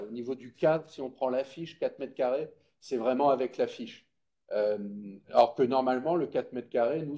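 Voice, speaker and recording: At a public meeting, a man with a medium-pitched, soft-edged, mellow voice gives an informal, didactic explanation. He talks directly to those listening and checks that they're keeping up.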